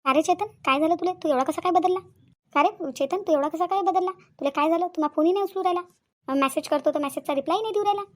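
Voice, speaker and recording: Give me a woman voicing a sweet-talking young cartoon woman with a Vidarbha accent, high and quick. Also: a little hiss or hum. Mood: coaxing. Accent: Vidarbha Marathi. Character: jilted young woman, coaxing and pleading. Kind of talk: cartoon voice acting.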